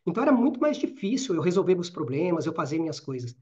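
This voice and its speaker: A middle-aged man from Brazil with a Minas Gerais accent, giving a live online training talk. He talks fast and keeps tagging his sentences with quick checks to the audience. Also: on the high side, very animated, a little mellow. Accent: Minas Gerais Portuguese. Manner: talks fast, with frequent "né?" and "certo?" tags. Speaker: career and networking trainer. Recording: slightly dull lo-fi audio.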